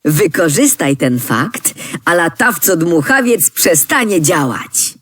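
A woman announcing a riddle loudly through a megaphone from some distance, in an educational app. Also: lowish voice, sing-song, slow, heavily acted.

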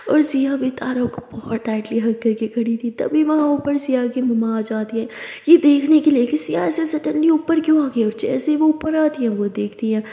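A woman's voice: high voice, vocal fry, mellow. A woman storyteller narrating a love story conversationally, mixing English words into her telling. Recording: echoey room with long reverb.

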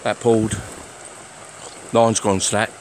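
A plain-spoken man with a lowish voice talks unhurriedly while walking by a lake. He is recorded outdoors on a handheld phone camera, with faint outdoor noise behind him. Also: level tone, takes it slowly. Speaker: angler filming his fishing trip. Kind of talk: casual walk-and-talk vlog.

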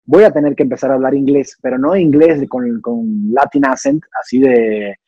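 A young Cuban man, an actor and singer, thinks aloud in a relaxed interview, explaining his ideas with lots of restarts and fillers. His voice is medium-pitched, mellow and slightly rough, and he talks a little fast. The recording is dry with no room sound, and the high frequencies are cut off.

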